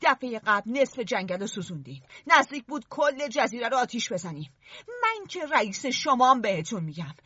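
A woman's voice: a little high, sing-song, sharp tone, breathy edge, no echo, dull audio, heavily acted. A woman voicing Ralph, an earnest, stern boy chief who lectures and scolds the others. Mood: angry.

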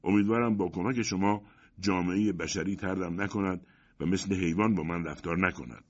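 A man voicing a lonely male monster who speaks politely and anxiously, pleading for friendship, in a storybook reading. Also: deep voice. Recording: dull lo-fi audiobook recording.

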